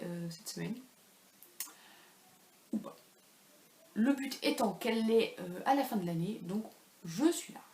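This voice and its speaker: A woman in her thirties who hosts a knitting podcast, chatting casually at home in a rambling, self-deprecating way with lots of fillers. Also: medium pitch. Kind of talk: casual chat. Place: home room. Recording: echoey room with faint ambient noise.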